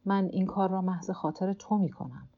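A woman's voice: medium pitch, mellow, lo-fi sound, close to an everyday voice. A woman reading a weary old fisherman talking to himself. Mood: muttering to himself. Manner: talks to himself and his cramped hand, gruff and stubborn. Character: weary old male fisherman alone at sea. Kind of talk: audiobook character voice.

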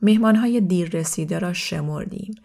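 A woman reads a first-person story aloud in a calm, even way, her voice sitting a little low. She lets dry asides slip in without changing her steady reading pace. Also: gravelly. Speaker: audiobook narrator.

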